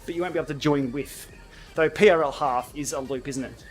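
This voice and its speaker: A man's voice: on the high side, brisk, soft background music. A man hosting a casual livestream, bantering and thinking aloud as he chats during an indoor cycling game. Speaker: livestream host.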